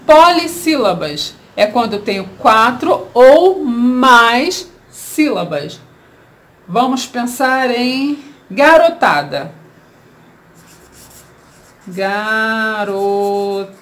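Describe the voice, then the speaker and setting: A Brazilian woman teaching a grammar lesson to children, her fairly high voice rising and falling a lot. She takes her time, breaking words into syllables and checking in with questions. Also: very animated, fairly bright tone. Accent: Brazilian Portuguese. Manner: slow, syllable-by-syllable explaining with rhetorical questions.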